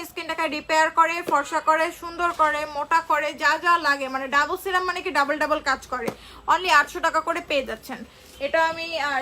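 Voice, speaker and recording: A woman from Bangladesh, unwell, selling products on a phone live stream. She talks slowly and chattily, repeating prices and answering viewers. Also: extremely high pitch, bright, forceful tone, a little hiss or hum. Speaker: online shop seller. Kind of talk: live-stream sales pitch.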